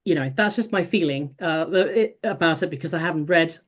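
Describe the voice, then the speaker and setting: A native Finnish woman in her forties speaks as an interview guest, her voice on the low side. She thinks aloud, stopping and restarting her sentences. The audio sounds a little dull and lo-fi. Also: a little fast. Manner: thoughtful, many restarts and fillers. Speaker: guest, behavioral strategy consultant. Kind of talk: casual interview talk.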